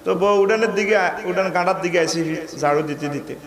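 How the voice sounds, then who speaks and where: Sermon preacher: man, Comilla Bangla accent, high voice, crowd behind. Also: brisk, reverberant. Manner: humorous, shouting, acts out women's voices.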